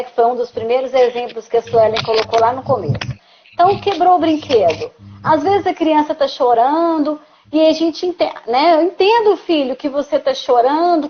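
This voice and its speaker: A Brazilian psychologist explaining parenting tips calmly on a video call, with frequent pauses and restarts. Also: female voice, a little high, slightly rough, highs cut off. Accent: Brazilian Portuguese. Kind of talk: casual advice chat on a video call.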